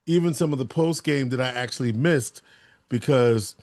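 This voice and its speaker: Excited male podcast co-host, dry sound. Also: mid-range voice, dry recording. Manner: enthusiastic, storytelling, quick laughs. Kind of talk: casual chat.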